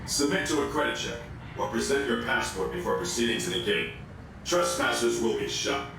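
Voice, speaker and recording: An actor voicing a stern male robot security guard, with a robotic filter on his voice and a flat, officious way of reciting rules. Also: mid-range voice, normal speed, creaky. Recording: echoey, distant game audio with loud music.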